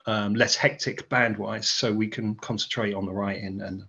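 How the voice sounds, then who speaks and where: A British guitarist speaks in a somewhat low voice, telling his story in loose, rambling interview chat. He fills gaps with ums and uhs and restarts his sentences. The audio sounds dull and lo-fi, like a remote call. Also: steady tone, normal speed, gravelly, pushed and bright. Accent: British English. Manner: rambling, many fillers and restarts.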